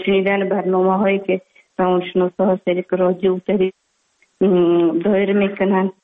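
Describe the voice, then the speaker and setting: A woman psychologist speaking with an Afghan Dari accent, her voice coming through a thin, tinny phone line. She talks at a steady, flat pitch with hardly any rise or fall, and pauses often with fillers as she explains. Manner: hesitant, many pauses and fillers. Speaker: psychologist guest. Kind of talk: phone interview on radio.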